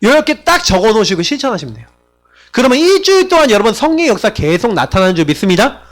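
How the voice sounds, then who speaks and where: Male pastor, sermon. Higher-pitched, very animated delivery; chatty, keeps checking in with the room. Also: fast. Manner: conversational preaching with rhetorical questions to the congregation; acts out quoted family members in shifted voices.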